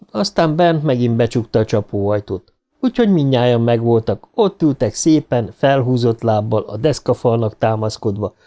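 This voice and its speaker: A man narrating a novel as an audiobook reader, in an even storytelling manner. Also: medium pitch.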